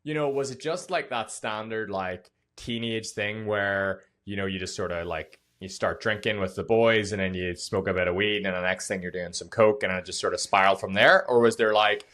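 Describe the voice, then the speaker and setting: A man's voice: fairly low pitch, normal speed, hardly any pauses, a bit bright. A man hosting a podcast, talking loosely with casual swearing and lots of fillers. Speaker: podcast host.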